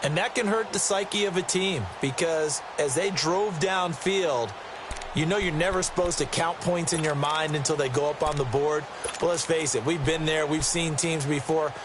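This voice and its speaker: A man's voice: fairly high pitch, moderate pace, lightly acted. A man playing a folksy color analyst in football video game commentary, explaining plays with emphasis. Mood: explanatory. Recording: clear stadium noise behind the voice.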